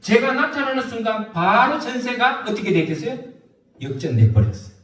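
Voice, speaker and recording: Animated male pastor in an echoey hall. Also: very high voice, normal speed, distant mic, a little hiss or hum. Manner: animated storytelling with rhetorical questions. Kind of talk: sermon.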